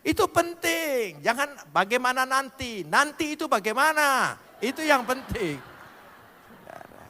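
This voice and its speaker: A male pastor delivers a playful, joking sermon to his congregation. His voice is high and bright, and he swings widely in pitch while speaking slowly. Long reverb from a large church hall surrounds him. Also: very animated. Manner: playful preaching with jokes and wordplay, addressing the congregation.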